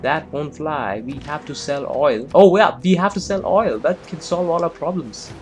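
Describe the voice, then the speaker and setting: A man's voice: a little high, normal speed, faint music behind, voice pushed up, close to an everyday voice. A man putting on a Russian accent to voice a boastful Russian leader who is proud of his army, speaking in a bombastic, rallying way. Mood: rousing. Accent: put-on Russian.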